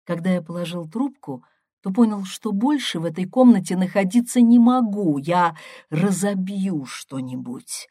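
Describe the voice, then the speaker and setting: A woman reading a first-person story aloud as an audiobook in a measured, unhurried way. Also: lowish voice, lively intonation, warm tone, slightly rough, no echo, studio quality. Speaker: audiobook reader.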